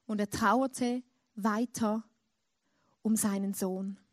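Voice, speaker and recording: A woman's voice: medium pitch, steady tone, slow pace, no room sound, studio quality. A woman preaching a sermon and retelling a story, rising dramatically when she imagines a grieving father's cries.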